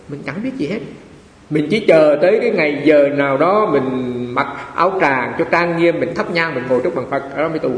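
A man's voice: medium pitch, gravelly. A man, a monk giving a Dharma talk in a chatty storytelling way, often repeating phrases. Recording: echoey hall with faint hiss.

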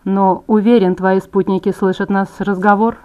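A woman reading an audiobook, voicing a calm, menacing male villain who talks slowly and quietly. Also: medium pitch, lo-fi sound, lightly acted. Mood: cold menace.

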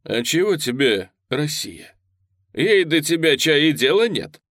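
A big, genial commander with an easy, unhurried voice, friendly on the surface. A man voices him while reading the story. The sound is dry and close. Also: on the high side, dry recording, pitched above the performer's own voice. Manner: calm, good-natured, unhurried. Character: huge bearded genial Red commander, quietly menacing.

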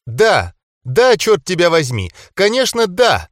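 A man voicing an excited young woman who cries out with joy in an audiobook. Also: high voice, takes it slowly, dry recording, studio quality, pitched above the performer's own voice, heavily acted. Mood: overjoyed. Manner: shouting with joy.

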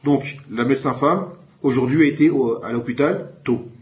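A man teaching a classroom Arabic lesson in French, calling out each new word louder and then slowly explaining it. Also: mid-range voice.

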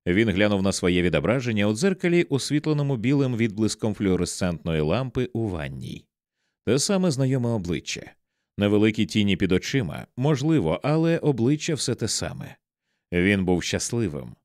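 A male audiobook narrator with a low voice that moves widely in pitch. He reads expressively, putting weight on the drama of each line. The recording is close and completely dry. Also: sing-song, normal speed, a little mellow, no room sound.

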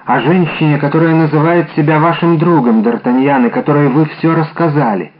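A frail, devoted young woman, read by a man in an audiobook. Her lines are soft and pleading, in a voice close to the reader's own. The recording is dull and muffled. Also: a little high, a little fast, close to an everyday voice. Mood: anxious. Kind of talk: audiobook character reading.

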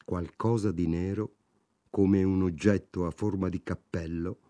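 A man reads a novel aloud in a low, dark voice, measured and restrained. The recording is dry and close, with no room sound. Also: fairly even intonation, no echo. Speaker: audiobook reader. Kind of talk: literary audiobook narration.

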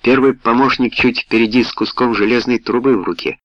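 A man narrating a story in the first person, in a steady, measured reading voice. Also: mid-range voice, dry recording. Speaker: audiobook narrator. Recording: dull, dry lo-fi recording.

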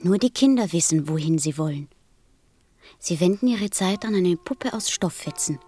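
A woman playing a gentle, curious and earnest little boy in a German radio play, with a husky voice and simple questioning delivery. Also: lowish voice, lively intonation, normal speed, no room sound, studio quality. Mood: earnest, wistful.

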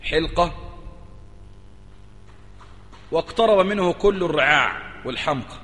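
An Egyptian-accented sheikh gives a religious lesson in a somewhat high voice, pressing each point and repeating his key phrases. His words ring with a long reverb, as in a large hall. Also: lively intonation, a little slow, a bit bright, husky. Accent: Egyptian Arabic. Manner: emphatic, repeats key phrases and urges listeners to pay attention. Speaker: sheikh teaching a creed lesson. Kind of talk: religious lesson, explaining a text.

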